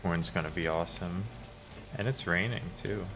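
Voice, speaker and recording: A man's voice: low-pitched, normal speed. A man giving casual, laid-back gameplay commentary, musing aloud as he plays. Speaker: gamer doing a playthrough. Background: game music.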